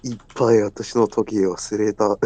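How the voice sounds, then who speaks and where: A man's voice: lowish voice, level tone, fairly quick, dark tone. A man joking around on a casual livestream, swearing and making wisecracks. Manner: joking and profane.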